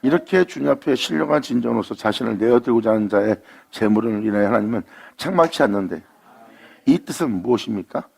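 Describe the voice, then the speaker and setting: A man preaching a sermon in a gravelly, slightly husky voice. He builds to fervent declarations, then slows down to intone scripture in the voice of God. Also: mid-range voice, animated, darkish tone.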